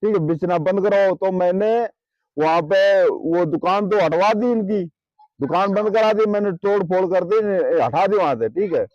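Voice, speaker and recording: Picture a high-voiced, rattled priest, played by a man in a staged street skit, tripping over his words and saying everything twice as he defends himself. The sound is dull and lo-fi, with no room echo. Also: normal speed, a little mellow, lightly acted. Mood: pleading. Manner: stammering, defensive, keeps repeating himself.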